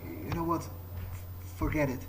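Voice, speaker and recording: A let's player improvises an in-character video game monologue as a brooding, guilt-ridden young male vampire, hesitant and often repeating his words. His fairly high voice swings widely in pitch and moves a little slowly. Video game ambience makes the background noisy.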